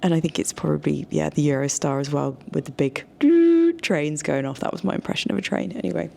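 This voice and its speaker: A woman, casually reviewing a hotel stay in a chatty, candid vlog from her hotel room. She often slips into soft, near-whispered asides. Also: low-pitched, fast talker, vocal fry. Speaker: hotel and food reviewer, channel host. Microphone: small wireless clip-on mic.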